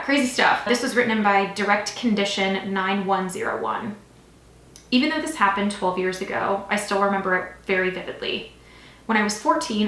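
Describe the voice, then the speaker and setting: A woman's voice: medium pitch, a bit bright. A young woman hosting a horror story channel, reading viewer stories aloud and breaking off into rambling, apologetic asides. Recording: roomy echo.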